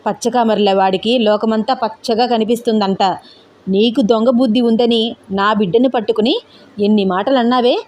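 A woman doing a sharp-tongued old grandmother. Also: a little high, fairly even intonation, moderate pace, close to an everyday voice. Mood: angry scolding. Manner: scolding, threatening. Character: stern older grandmother, sharp-tongued matriarch. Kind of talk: audio story character voice.

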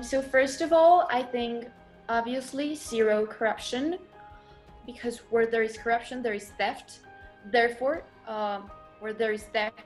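A teenage girl from Colombia, whose first language is Spanish, speaks earnestly to a camera. Her voice is on the high side, with music softly behind. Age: teens.

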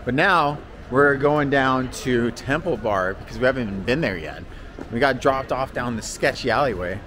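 A man's voice: mid-range voice, lively intonation, normal speed, fairly bright tone, a little hiss or hum. A man talking casually as a travel vlogger, walking city streets and pubs with a handheld camera. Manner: casual, chatty, slangy. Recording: street crowd and music behind.

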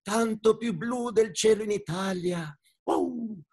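A man voicing a wise, gentle male dog in a children's story, who barks between his words. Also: sits high, slow pace, vocal fry, slightly rough, full character voice. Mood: wistful. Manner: barks "wow, wow" between every few words.

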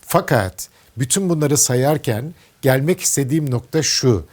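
A man's voice: medium pitch, animated, moderate pace, a little mellow. A man with a Turkish accent interviewing a guest, asking earnest, probing questions about politics.

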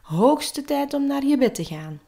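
A woman doing a brisk knight father. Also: fairly high pitch, darkish tone, voice pushed up, lightly acted.

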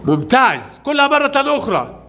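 A male primary school teacher leading a classroom reading lesson with young children, asking brisk questions and praising each answer. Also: very high-pitched, sing-song, sharp tone, slight background noise.

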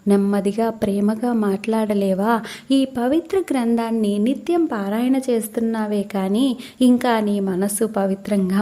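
A woman voicing a calm old male saint who gently scolds a quarrelsome devotee in slow, measured words. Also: medium pitch, close to an everyday voice.

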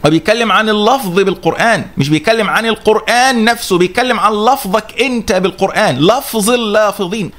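A man's voice: high voice, quick pace, hardly any pauses, fairly bright tone. A man with an Egyptian accent giving a religious lecture, who keeps asking rhetorical questions and answering them himself. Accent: Egyptian Arabic. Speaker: religious teacher. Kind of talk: religious lecture refuting a critic.

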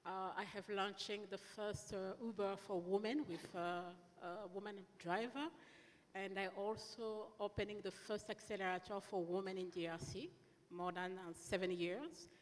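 A woman from the Democratic Republic of the Congo introducing herself on a panel, halting, on a handheld mic in a large hall. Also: mid-range voice, steady tone. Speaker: panelist, entrepreneur. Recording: long hall reverb.

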